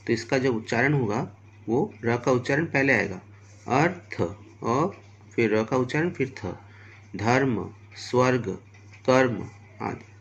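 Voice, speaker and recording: Male primary school teacher, slow deliberate delivery, patient and methodical. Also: medium pitch, highs cut off. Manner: spells out letters and examples patiently, addressing children. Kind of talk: slow, deliberate classroom lesson.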